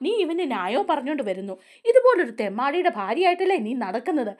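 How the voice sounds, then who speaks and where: A woman voicing a harsh, scornful older male schoolteacher who scolds and insults in a raised, lively voice. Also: high-pitched, quick pace, pitched above the performer's own voice. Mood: angry, scornful.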